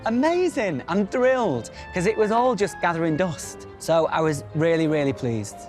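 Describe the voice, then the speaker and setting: A woman chats casually. Her intonation is very lively, and music plays clearly behind her. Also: on the low side, moderate pace. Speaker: guest seller. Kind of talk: casual chat.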